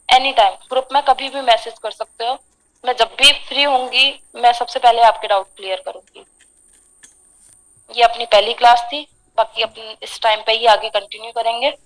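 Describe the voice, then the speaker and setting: A woman with a fairly high voice lectures to an online class. She moves through the material one term at a time, often posing a question and then answering it herself. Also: fairly bright tone, rough recording. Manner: explanatory, asks and answers own questions. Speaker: ayurveda lecturer.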